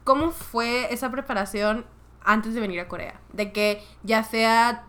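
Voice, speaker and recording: A young woman leads a casual talk as its host. Her voice sits somewhat high and she laughs easily. She hesitates and restarts often, filling gaps with small sounds. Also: unhurried, pushed and bright. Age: young adult. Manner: giggly, many fillers and restarts. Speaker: podcast host. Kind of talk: casual chat.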